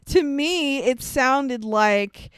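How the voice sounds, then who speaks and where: A woman's voice: high voice, drawn-out words, smooth, no echo. A young woman co-hosting a casual movie review podcast, laughing often and talking with animation. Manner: laughs often, animated, bursts into silly put-on voices. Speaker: podcast co-host.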